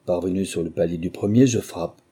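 A man with a French accent reading a memoir aloud in a measured, literary first-person style. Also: low-pitched, dark tone, husky. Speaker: audiobook narrator. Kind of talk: scripted first-person narration.

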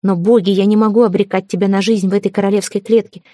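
Young male prince, proud, jealous, stern, read by a woman, mellow voice, dry recording. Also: mid-range voice, fairly even intonation, quick pace, dry recording, close to an everyday voice. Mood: desperate. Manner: ironic, stern, pleading.

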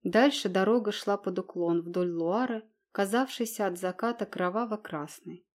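A woman narrating a historical novel as an audiobook, in an expressive, measured way. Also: mid-range voice.

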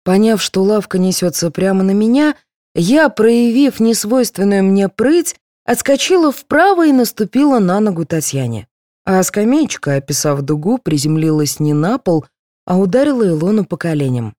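A woman narrates a scripted audiobook with expressive, storytelling flair, her voice medium in pitch and her pace normal. The recording is dry, with clean studio sound.

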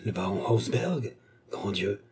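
A man reading aloud, voicing an earnest, sulky young gentleman in a dark, husky voice. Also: mid-range voice, animated, moderate pace. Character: young gloomy, impulsive gentleman in love.

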